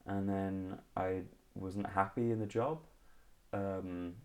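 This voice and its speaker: A deep, steady, slightly mellow male voice speaks slowly here, belonging to a Liverpool comedian in his thirties. The Englishman has a Liverpool accent and talks casually as an interview guest, with many ums and restarts.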